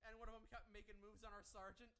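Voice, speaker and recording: A man's voice: high-pitched, fast. A man, an army veteran, telling stories in a casual stream chat and laughing as he goes. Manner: animated storyteller who laughs while telling.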